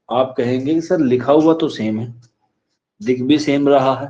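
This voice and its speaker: A man from India teaching an exam prep lecture, repeating key phrases slowly so students can write them down. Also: mid-range voice, dark tone, dull audio.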